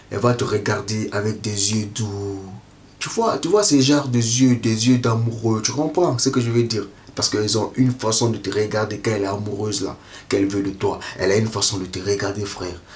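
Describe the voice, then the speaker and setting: A man with a lowish voice gives dating advice directly to the viewer in a casual monologue, with a little hiss or hum in the audio. He's repetitive and keeps checking that the listener follows, asking "tu comprends?"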